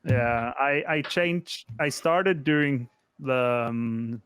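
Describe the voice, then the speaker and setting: A man's voice: mid-range voice, extremely slow, a bit bright, smooth, no echo, studio quality. A man who just played in a gaming tournament, chatting casually about his strategy. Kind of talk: casual chat.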